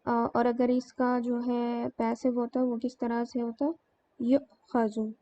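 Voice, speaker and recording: Slow, flat-voiced woman teaching grammar. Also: a little high. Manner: slow, explains step by step with many fillers. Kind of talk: grammar lesson. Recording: dull lo-fi sound with faint noise.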